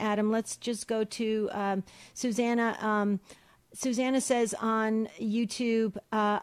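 A woman co-hosting a call-in radio show, reading listener questions aloud and answering them in a chatty way with many fillers and restarts. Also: fairly high pitch.

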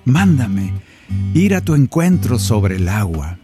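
A man voicing an eager, daring apostle who pleads in a high, impulsive voice. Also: big pitch swings, slow pace, over music. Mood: pleading.

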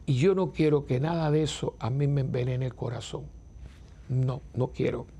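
A man's voice: mid-range voice, fairly even intonation, moderate pace, gravelly, mellow, slightly rough. An older man, a priest giving an informal spiritual talk in a conversational, chuckling way that often stops and restarts. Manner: conversational, self-interrupting, chuckling.

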